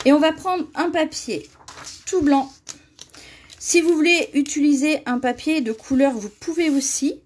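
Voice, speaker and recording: A woman's voice: a little high, darkish tone. A woman giving a live card-making tutorial, chatty and often laughing as she reads viewer comments aloud. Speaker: crafting demonstrator.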